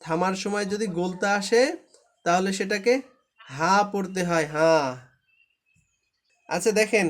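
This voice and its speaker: A man's voice: sits high, fairly even intonation, moderate pace. A man teaching Quran recitation in a live online class, patient and repetitive, often checking that students understand.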